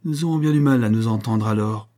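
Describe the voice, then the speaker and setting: A man's voice: lowish voice, fairly quick, warm tone, close to an everyday voice. A man reading aloud as a scheming, vengeful husband who taunts his rival with irony. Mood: ironic. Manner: taunting, ironic.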